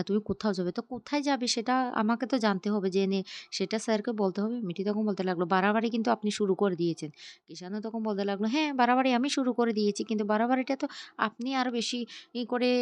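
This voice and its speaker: A woman retelling the scenes of a TV serial in a quick storytelling recap, reading out every character's lines herself. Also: medium pitch, darkish tone.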